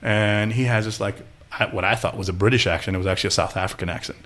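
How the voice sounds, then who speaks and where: Speaking quickly in a lowish voice, this Austin, Texas man is a guest on a podcast. In the relaxed interview he spins stories with animation, performing the voices of whoever he's quoting.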